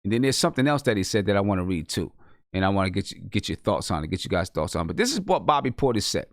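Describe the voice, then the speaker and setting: A man's voice: fairly low pitch, big pitch swings, rapid-fire, no room sound, clean studio sound. Casual sports talk host, a man. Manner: conversational, restarts sentences, asks guests for their takes.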